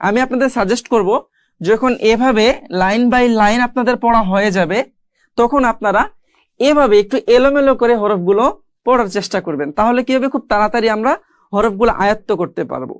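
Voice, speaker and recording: A man's voice: sits high, a little fast, no room sound, studio quality. A man teaching Quran reading to beginners, patient and step by step, often pointing the listener back to the page. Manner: patient, explains step by step and keeps saying "look". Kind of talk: recorded beginner lesson.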